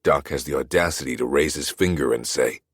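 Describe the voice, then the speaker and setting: A man narrating a dark romance audiobook in the first person, in a brooding, measured way. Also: rumbling low, husky, no room sound, clean studio sound.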